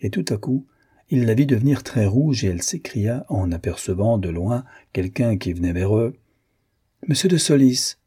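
A man narrating a classic novel in a measured storytelling manner. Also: fairly low pitch, warm tone, husky. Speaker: audiobook narrator. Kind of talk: scripted narration.

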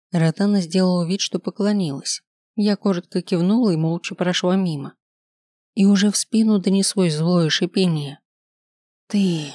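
A reader tells a first-person story at a measured, even pace, reading out chapters of a novel. The voice sits at a middling pitch. The recording is dry, with no room echo. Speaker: audiobook reader. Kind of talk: scripted first-person narration.

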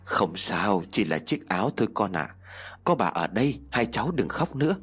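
A grieving old grandmother, hoarse from endless weeping, her husky voice rising and falling widely, as a male storyteller puts her on. She speaks in a ghost story, worn down by loss. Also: lowish voice, big pitch swings, normal speed, a bit bright, pitched below the performer's own voice, exaggerated voice. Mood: soft soothing.

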